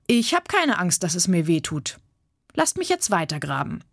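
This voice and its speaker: A woman voicing an excitable young girl who calls out urgently and pleads, in an audiobook reading. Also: normal speed, creaky, no room sound, studio quality, exaggerated voice. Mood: eager. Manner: high breathless calling, urgent. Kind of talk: audiobook character voice.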